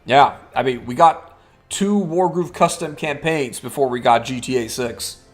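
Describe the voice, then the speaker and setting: A man's voice: medium pitch, a little slow, soft background music. A man hosting a gaming video with casual, chatty live commentary.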